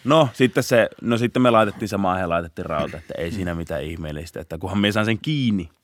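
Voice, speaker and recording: A young man, a police officer, telling a story in a casual podcast interview, laughing often and shouting out bursts of the chase. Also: deep voice. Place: podcast studio.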